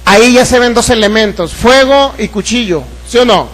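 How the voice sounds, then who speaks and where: In his sermon, a man with a Mexican Spanish accent asks the congregation questions and acts out scenes from the Bible, giving voice to its characters. He is a pastor whose very high-pitched, slightly bright voice moves at a moderate pace, and the recording is rough.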